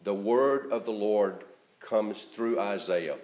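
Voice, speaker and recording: A man preaching a sermon, speaking in a measured, conversational way with frequent fillers and restarts. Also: fairly low pitch, darkish tone. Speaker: pastor.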